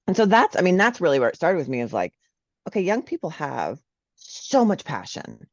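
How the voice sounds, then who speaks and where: Social worker lady chatting on a podcast, animated, dry muffled sound. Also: low voice, moderate pace, no echo. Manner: animated, frequent "right?" tags. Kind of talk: casual interview conversation.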